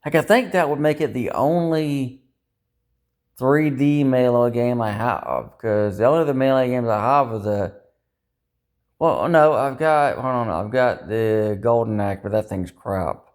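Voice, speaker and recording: This personal vlogger speaks unhurriedly at a medium pitch, rambling confessionally to camera. Upset and dejected, he vents self-critical frustration and swears frequently.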